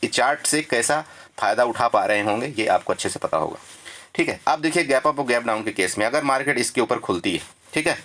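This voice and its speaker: This stock market trading tutor has a mid-range, sharp-toned voice and speaks briskly and expressively. He walks viewers through charts in a casual, chatty lesson, repeating "theek hai" and calling his listeners "friend" as he checks in with them.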